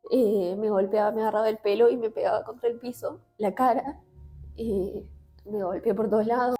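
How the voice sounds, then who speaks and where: A woman with an Argentine accent gives an emotional personal testimony in an interview. She speaks haltingly, with many restarts and fillers. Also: medium pitch, steady tone, warm tone, faint music behind. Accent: Argentine Spanish.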